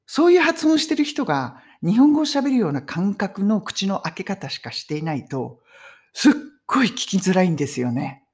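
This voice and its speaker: A woman's voice: mid-range voice, big pitch swings, moderate pace, darkish tone. A middle-aged woman giving a casual English conversation lesson on video, talking in an emphatic, friendly teaching tone. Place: home in London.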